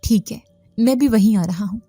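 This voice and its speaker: Woman reading as a fussy worried husband, blunt and urgent, warm mellow tone, dry close sound. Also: fairly high pitch, no echo, natural voice. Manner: scolding, urgent questions.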